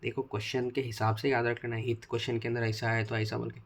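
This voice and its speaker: A man's voice: mid-range voice, level tone, quick pace. A young man with a Hyderabadi Dakhini Hindi accent, casually teaching exam tricks and repeating key phrases over and over like chants. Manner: chatty, self-mocking. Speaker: tutor. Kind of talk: casual exam-tips lesson.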